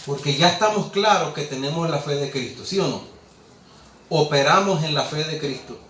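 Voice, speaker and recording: A man's voice: fairly high pitch, normal speed, a bit bright, slight background noise. A man preaching a sermon, impassioned, rhetorical and scolding. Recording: echoey room, distant mic, faint ambience.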